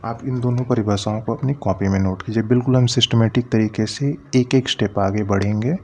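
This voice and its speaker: A man gives a slow, unhurried grammar lesson in a low, mellow voice. He explains step by step and sounds each letter out as he goes. A faint hiss sits under the recording. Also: steady tone. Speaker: teacher.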